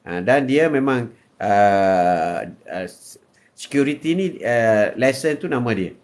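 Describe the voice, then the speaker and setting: An older man with a Malaysian Malay accent hosts a casual live-stream chat, joking, laughing often, reading out viewer comments and mixing in English phrases. He speaks slowly in a mid-range, darkish voice with lively intonation.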